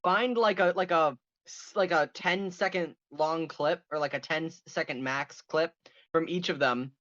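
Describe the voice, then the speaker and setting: A man's voice: a little high, unhurried, fairly bright tone, dry recording, lo-fi sound. A man hosting a casual podcast chat, talking in a loose, rambling way with frequent restarts. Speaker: podcast host.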